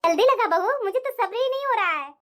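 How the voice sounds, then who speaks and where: A woman's voice: very high-pitched, expressive, fast talker, fairly bright tone. A woman voicing a boastful, scheming middle-aged mother-in-law who brags and taunts. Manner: bragging, taunting, sweetly fake on the phone. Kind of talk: cartoon voice acting.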